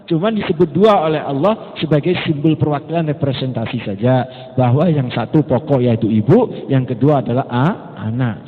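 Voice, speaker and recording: A man with an East Javanese accent giving a religious study lecture as an Islamic teacher, telling stories lively and acting out the people he quotes. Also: medium pitch. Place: lecture gathering indoors. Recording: tinny lo-fi recording in echoey hall.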